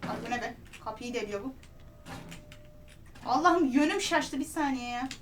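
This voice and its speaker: A woman's voice: high-pitched, lively intonation, moderate pace. A woman playing a horror game who talks to herself, gasps and pleads nervously as she goes. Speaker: gaming streamer. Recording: voice heard from a distance over loud game music.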